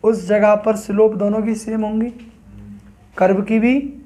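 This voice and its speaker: Male math tutor, fairly high voice, step-by-step classroom explaining. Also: little pitch movement, measured pace, mellow. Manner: explains step by step, asks students questions. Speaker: math teacher.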